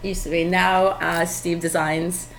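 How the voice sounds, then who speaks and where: A woman hosts an informal chat. Her voice sits slightly low and she talks slowly, hesitating and repeating herself. There is faint noise behind her. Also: flat delivery, fairly bright tone. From Queens, New York. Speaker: show host. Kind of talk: casual chat.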